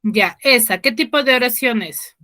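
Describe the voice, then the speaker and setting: A woman's voice: a little high, moderate pace, sharp tone. A woman teacher giving an online class over a video call, explaining patiently and often checking in with her students.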